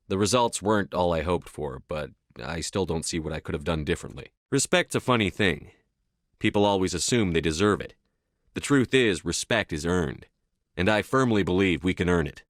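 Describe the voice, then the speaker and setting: An actor playing a steadfast, no-nonsense starship commander in a video game, with clipped, firm, formal military delivery. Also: male voice, deep voice, expressive, brisk, dry recording, clean studio sound. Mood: composed, guarded, then assured. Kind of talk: video game dialogue lines.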